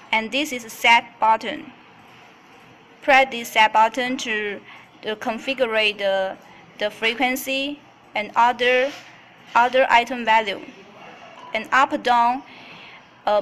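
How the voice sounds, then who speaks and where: A company product demonstrator, a woman with a higher, fairly bright voice, gives a semi-scripted product tutorial from a desk indoors. Explaining in non-native English, she is halting and repeats phrases, and there is a little hiss or hum in the audio.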